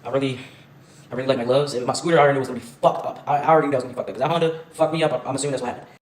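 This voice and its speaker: A young man tells a story to camera in a rapid, profane, laughing way. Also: mid-range voice, steady tone, slight background noise. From Baltimore, USA. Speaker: storytime vlogger. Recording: echoey room with music behind.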